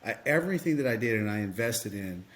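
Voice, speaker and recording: A man's voice: on the low side, expressive, fast talker, a bit bright. Earnest man telling a personal story. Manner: earnest, emotional, frequent fillers and restarts. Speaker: podcast guest, bodybuilding coach.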